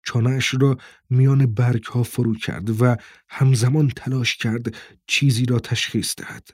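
Male narrator, husky, steady tense reading, dry close mic. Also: mid-range voice, no echo. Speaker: audiobook narrator. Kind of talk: scripted narration.

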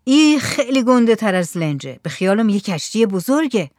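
A woman doing a blunt, calm fisherman. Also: high-pitched, no echo, clean studio sound.

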